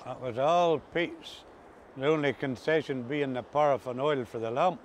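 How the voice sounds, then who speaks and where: An older man with an Ulster Scots accent chats casually in broad rural dialect, recalling his days of farm life as an interviewee. His voice is medium-pitched at a normal speed. He's outdoors on a grassy coastal path by the sea, with clear outdoor ambient noise.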